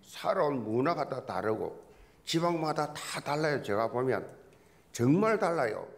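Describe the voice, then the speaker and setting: A male pastor delivers a sermon in a gravelly voice that rises and falls a great deal. He talks like a folksy storyteller and jokes with the congregation. He often repeats his key words to drive a point home. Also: medium pitch, sing-song, measured pace.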